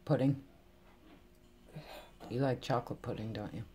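A middle-aged woman in casual conversation, gently coaxing and reassuring as a parent, explaining things simply. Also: a bass voice, normal speed, slight background noise. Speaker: parent looking after a patient. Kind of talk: casual chat. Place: small recovery room, indoors.

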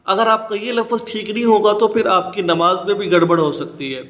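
Man, 30s, Quran teacher, patient explanations, drawn-out letters, high voice, slightly muffled recording. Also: fairly even intonation, roomy sound. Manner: slow, drawn-out letter pronunciations for repetition. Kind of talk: recorded alphabet lesson for parents.

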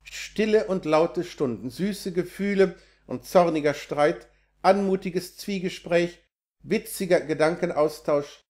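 A man reading a classic literary tale aloud in a measured storytelling manner. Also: sits high, a little mellow. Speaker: narrator.

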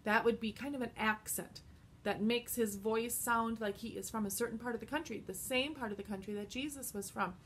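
A woman's voice: a little high, slight background noise. Woman telling a Bible story. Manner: slow, expressive storytelling with simple explanations. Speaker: Bible teacher. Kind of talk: children's Bible story lesson.

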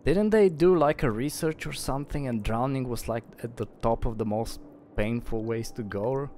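A man's voice: mid-range voice, normal speed, a little mellow, a little hiss or hum. A man casually reacting while live-streaming a game, sweary and reactive. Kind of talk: live gameplay commentary.

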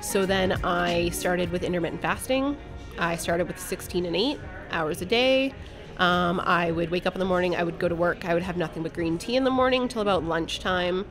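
A woman's voice: fairly low pitch, moderate pace, soft background music. A woman guest on a podcast, telling a personal story in a candid, blunt way and swearing casually. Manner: candid, blunt, speaks her mind.

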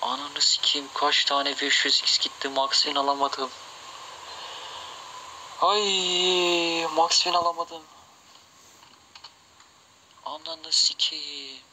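A man's voice: on the high side, steady tone, slow, long pauses, background noise. A man streaming slot games live, reacting with constant cursing and frustrated outbursts.

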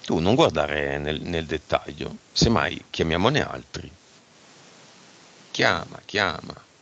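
Deep gravelly guy running a hypnosis session, short pointed questions, dull lo-fi sound. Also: animated, a bit bright. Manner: brisk, directive questioning. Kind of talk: guiding an esoteric hypnosis session.

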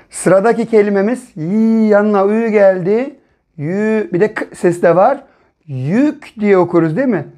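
A man teaching a reading lesson to young children, sounding out syllables slowly, blending them into words and checking understanding with gentle questions. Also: high voice. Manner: gentle, patient, ends points with a checking question. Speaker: primary school teacher.

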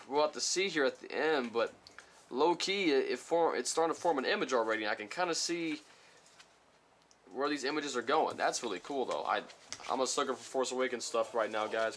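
A man chatting casually while unboxing trading cards, rambling and reading each card title aloud slowly, a little sick. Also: mid-range voice, fairly bright tone, slight background noise. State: slightly sick. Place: small room at home.

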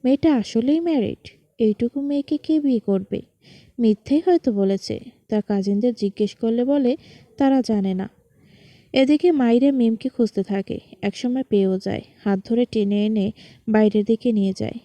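A woman reads a romantic story aloud in a dark, mellow voice pitched a little high. The sound is close and dry, with no room around it. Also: normal speed, no echo, lo-fi sound. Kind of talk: scripted story narration.

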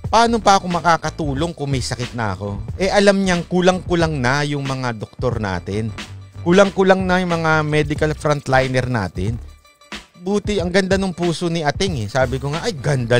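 A man giving casual, rambling commentary, chatting with polite asides and laughing at his own jokes. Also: a little high.

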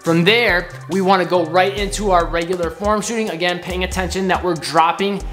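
This high-sitting male voice is fairly quick and fairly bright, with fairly even intonation. He's in his thirties, seated on a couch in his living room, cheerfully walking through basketball drills and demonstrating as he goes. Faint music drifts through the echoey room.

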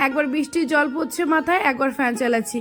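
A middle-aged woman with a hoarse voice, chatting to viewers in a casual home vlog. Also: high voice, quick pace, fairly bright tone. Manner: chatty, addresses viewers directly. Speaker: vlogger. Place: family home, in and out of doors.

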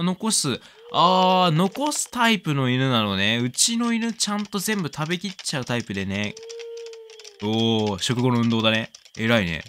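A man doing casual let's-play commentary, excitable, exclaiming often and cooing at the pet. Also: mid-range voice, a little hiss or hum. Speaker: game commentator.

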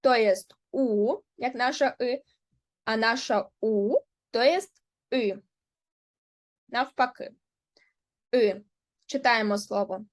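Slow, careful woman language teacher. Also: a little high. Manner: slow, deliberate, repeats letters and words; switches between Ukrainian and Polish. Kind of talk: slow beginner lesson on the alphabet.

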